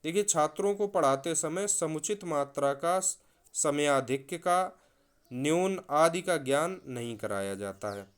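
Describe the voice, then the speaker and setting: A man's voice: fairly high pitch, animated, a little slow, clean tone. A man teaching a recorded video lesson, explaining with spoken examples and stressing words to show their meaning.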